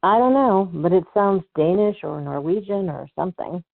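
A woman voicing an excitable, pushy young woman who grew up in Chicago, in a storybook reading. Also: fairly low pitch, normal speed, gravelly. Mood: excited. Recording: tinny phone-like sound.

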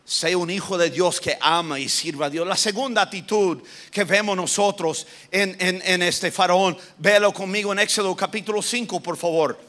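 High, bright-voiced preacher man. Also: normal speed, hardly any pauses. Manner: switches between Spanish and English, shouts for emphasis, mimics voices. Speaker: pastor. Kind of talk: sermon.

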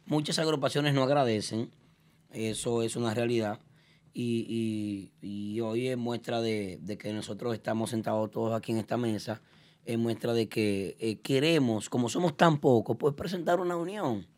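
A man hosting a radio podcast, lecturing emphatically with sudden jumps in pitch. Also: moderate pace, a little mellow. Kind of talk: heated studio talk show. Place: studio with several guests at a table.

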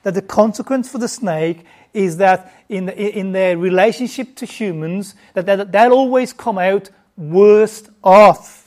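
Speaking at a measured pace in a mid-range voice with a darkish tone, a woman teaches the Bible to a group conversationally. She is informal, often restarts her sentences, and asks the people listening questions.

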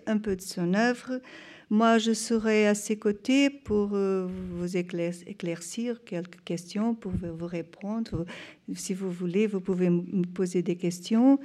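A woman's voice: medium pitch, fairly even intonation, unhurried, darkish tone. A woman gives an informal introduction in French, hesitantly searching for her words. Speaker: presenter introducing a speaker.

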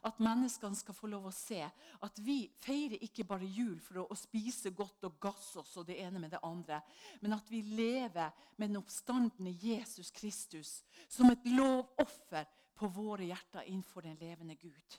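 A middle-aged woman preaching a sermon, telling a personal story with lively swings in pitch and loudness as she acts out the voices in it.

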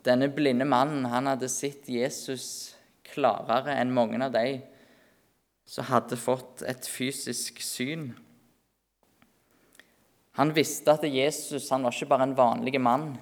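Gravelly preacher, earnest sermon. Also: male voice, medium pitch, level tone. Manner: earnest, slows and softens for emphasis. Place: church meeting.

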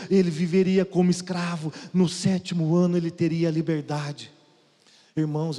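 His pitch slightly high, a man gives a moving testimony sermon to the congregation, shifting from loud to soft and repeatedly calling out to his brothers. The recording carries a long hall reverb.

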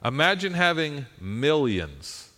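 A man's voice: fairly high pitch, sing-song, slow pace, bright, forceful tone. An American man giving a conversational sermon in a folksy, self-deprecating manner, often checking in with his listeners. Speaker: preacher.

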